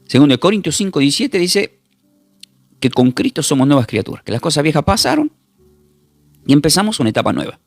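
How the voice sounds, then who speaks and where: Argentine pastor, lively gravelly preaching voice. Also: male voice, fairly high pitch, no echo, soft background music. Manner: emphatic preaching, repeats words, spells Greek terms slowly. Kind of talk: recorded Bible class sermon.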